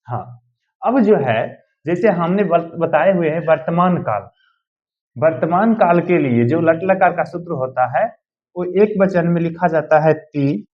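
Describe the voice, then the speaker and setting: Man, teacher, grammar lesson, step-by-step explaining, checks on students, higher voice, muffled lo-fi sound. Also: expressive, unhurried. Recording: dull lo-fi sound.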